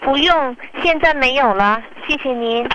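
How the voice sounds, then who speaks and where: A woman playing a customer in a scripted phone role-play, with deliberate, expressive phrasing. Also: high voice, noisy background.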